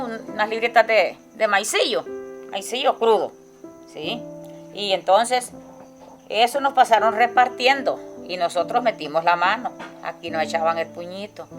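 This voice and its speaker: An older woman tells her story for a documentary in a halting way, often pausing to check in with her listener. Faint music sits behind her. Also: medium pitch. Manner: halting, tagging lines with "¿verdad?". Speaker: survivor giving testimony. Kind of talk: spoken testimony in a documentary.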